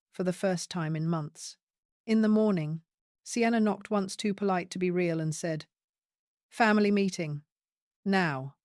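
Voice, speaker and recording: An older woman narrating a first-person story in a calm, measured, deliberate way. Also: lowish voice, dry recording, clean studio sound.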